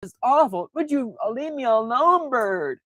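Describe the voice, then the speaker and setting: A man's voice: very high-pitched, expressive, normal speed, fairly bright tone, dry recording, pitched above the performer's own voice, exaggerated voice. A man voicing a melodramatic, self-pitying drama queen who whines and wails theatrically. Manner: whiny, theatrical wailing.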